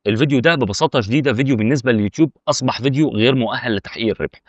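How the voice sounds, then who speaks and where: An Egyptian man with an Egyptian Arabic accent hosts a YouTube tutorial, talking straight to the camera in a casual explainer. He's rapid and chatty, arguing back against objections he imagines viewers raising. His mid-range voice comes through a dull, dry recording.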